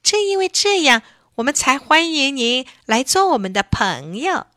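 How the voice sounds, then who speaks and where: A big storybook lobster greets and chatters with bright, beaming politeness, his voice lifted and lively. A woman puts him on as she reads aloud, in a dry, close recording. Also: high voice, moderate pace, dry recording, voice pushed up. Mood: cheery, polite. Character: big cheerful lobster, friendly but rough.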